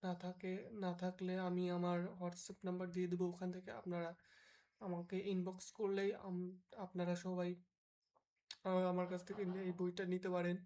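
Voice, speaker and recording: A woman's voice: fairly low pitch, completely flat delivery, mellow. A woman from Bangladesh who tutors German, giving a patient beginner lesson and drilling the alphabet letter by letter so listeners can repeat after her. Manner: slow, patient, drills letters one at a time.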